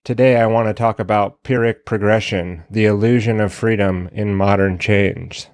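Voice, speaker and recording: A man opening a prepared conference presentation in a measured, earnest way with pauses. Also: on the low side, fairly even intonation, a little mellow, clear, resonant tone, no room sound, clean studio sound.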